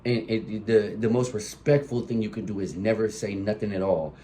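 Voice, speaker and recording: Here the young host sounds lowish and dark, keeping a fairly even intonation at a normal speed, with a little hiss or hum in the background. Sniffling from a cold, he preaches into a phone mic under colored lights, his solo podcast monologue full of passion and profanity.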